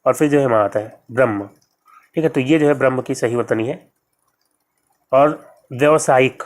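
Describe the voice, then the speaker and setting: In this exam-prep grammar lesson, a mid-range male voice works through the questions one at a time. Each answer gets repeated, along with how it's spelled.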